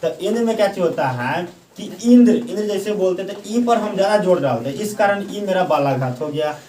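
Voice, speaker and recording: A male Hindi grammar teacher gives a class lecture, often asking questions and answering them himself, and slowly repeating points for dictation. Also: high-pitched, lively intonation, warm tone, a little hiss or hum. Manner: slow, drawn-out dictation at times. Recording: echoey room, voice from the mic's far side.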